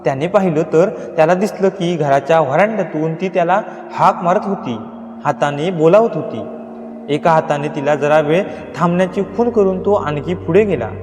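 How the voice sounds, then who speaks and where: A man narrating a horror story in a measured, descriptive reading. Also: a little high, darkish tone. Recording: echoey reverberant room, faint music.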